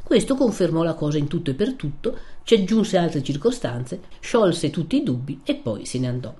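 Low-voiced woman reading a novel aloud. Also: very animated, moderate pace, warm tone. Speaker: narrator.

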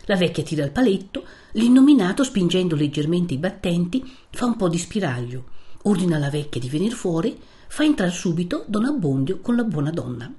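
A woman narrating a literary audiobook in a measured, expressive way. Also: on the low side.

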